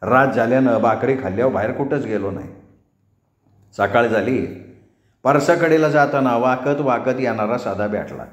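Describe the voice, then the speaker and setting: A man telling a folk tale in a brisk, earthy manner. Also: mid-range voice. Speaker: storyteller. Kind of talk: spoken rural folk tale. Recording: echoey room.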